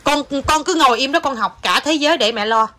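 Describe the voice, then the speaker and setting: A woman's voice: high voice, a little fast, sharp tone. A mother at home talking to her young child, alternating between teasing and scolding, mixing in English words. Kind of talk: casual home video with child.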